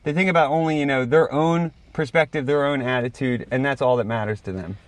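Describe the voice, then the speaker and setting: A man's voice: medium pitch, a little fast. A man co-hosting a podcast, talking in a reflective, rambling way and laughing often. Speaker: podcast co-host. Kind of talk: casual chat.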